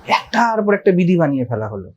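A monk giving a spiritual discourse, explaining patiently and checking that listeners follow with rhetorical questions. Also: male voice, on the high side, big pitch swings, fast, lo-fi sound.

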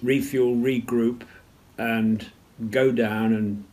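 An older man recalls events at a measured storytelling pace in an interview, often clearing his throat. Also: mid-range voice, steady tone, darkish tone, a little hiss or hum. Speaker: retired naval officer interviewee. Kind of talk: interview recollection.

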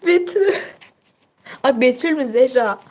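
A woman's voice: very high-pitched, a little hiss or hum. A teenage girl chatting casually on her livestream, reading out viewer comments in a teasing, chatty way and laughing often.

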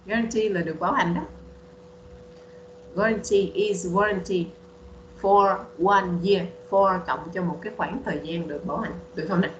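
A woman's voice: mid-range voice, fairly even intonation, normal speed, muffled recording, a little hiss or hum. Roomy-sounding woman teacher. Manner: patient, repeats words for drilling. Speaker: English teacher. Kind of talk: online bilingual English lesson.

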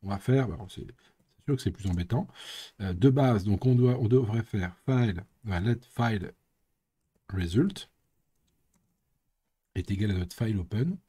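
A man's voice: lowish voice, unhurried, pauses often, warm tone, breathy edge. A man streaming live coding, thinking aloud and muttering with playful sound effects. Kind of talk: casual live coding commentary.

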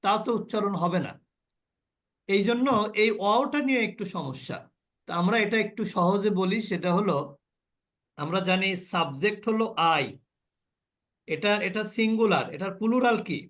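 A man's voice: high voice, lively intonation, normal speed, long pauses, fairly bright tone. A man teaching a class on the pronunciation of Arabic letters, drilling sounds and asking his students questions. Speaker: Quran recitation teacher. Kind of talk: online class lesson.

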